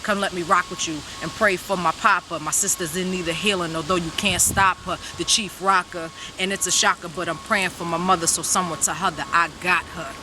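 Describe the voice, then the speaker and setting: A woman's voice: fairly low pitch, steady tone. Woman rapping over city street noise. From New York. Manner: rapid intense rhyming delivery. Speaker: rapper. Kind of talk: rapping and casual interview talk.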